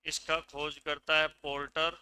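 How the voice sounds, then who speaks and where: A man's voice: fairly high pitch, flat delivery, a little slow, bright, forceful tone, clean tone, rough recording. A man teaching a class, giving dictation and drilling students by repeating his questions and their answers. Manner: gives dictation commands. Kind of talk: classroom lecture.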